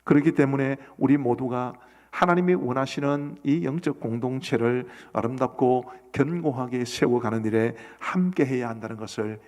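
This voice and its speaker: Gravelly middle-aged pastor in a reverberant hall. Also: male voice, medium pitch, a little mellow. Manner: earnest, asks the congregation questions. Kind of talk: sermon. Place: church sanctuary. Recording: long church hall reverb.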